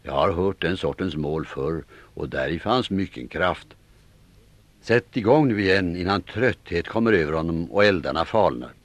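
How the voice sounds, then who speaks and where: A man's voice: low voice, lively intonation, no echo. A man voicing a proud, boastful male Viking warrior with a mocking manner. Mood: challenging. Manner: mocking, bragging.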